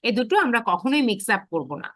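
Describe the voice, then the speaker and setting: A woman, lecturing on phonetics. Her voice sits a little high, and she talks deliberately in English, then speeds up to explain. The sound is close and dry, with no room echo. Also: big pitch swings, a bit bright. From Bangladesh. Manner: switches between careful slow English and brisk Bengali explanation. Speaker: university English teacher.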